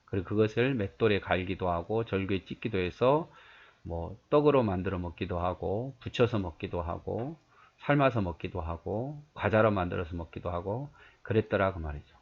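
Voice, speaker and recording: A man's voice: sits low, lively intonation, normal speed, husky, narrow, tinny audio. A man pastor preaching a conversational sermon, reading scripture and asking his listeners rhetorical questions.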